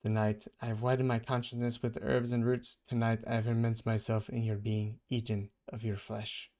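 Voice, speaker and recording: A man voicing a menacing adult male hunter villain from a comic, speaking in a slow, brooding, ritual-like intoning. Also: mid-range voice, little pitch movement, warm tone, natural voice.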